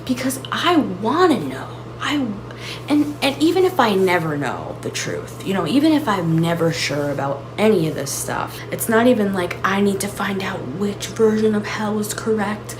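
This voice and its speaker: A woman's voice: mid-range voice, expressive, moderate pace. A woman hosting her own channel, musing aloud in a searching, reflective solo monologue full of restarts and "like"s. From United States. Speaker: channel host. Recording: audible background noise.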